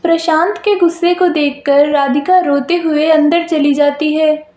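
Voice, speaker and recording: High-pitched woman telling a story, slow, echoey room. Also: steady tone, darkish tone. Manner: plain storytelling. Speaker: narrator. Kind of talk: scripted storytelling narration. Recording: roomy echo.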